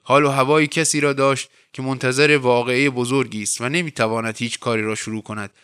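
A man narrating a translated short story in a measured literary reading. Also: medium pitch, fairly even intonation, fairly bright tone, clean tone. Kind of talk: scripted audiobook narration.

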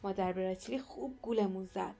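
Woman voicing a grim, hushed warrior man. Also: mid-range voice, gravelly, faint music behind.

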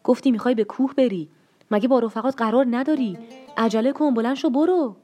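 A woman voicing a bitter, scolding mother of a grown son in a read-aloud story, with a sharp, scolding delivery. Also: on the high side, soft background music, pitched above the performer's own voice, natural voice.

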